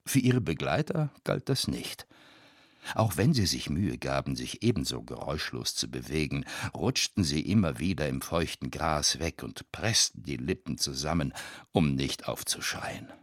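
Super deep husky guy narrating a spooky audiobook, slow, dry close sound. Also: animated, dry recording. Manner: suspenseful, measured storytelling.

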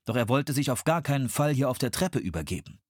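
A male audiobook narrator tells a storm at sea with expressive storytelling. His voice is a little husky and moves through a lively pitch range. The close studio recording is dry. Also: fast talker, no room sound.

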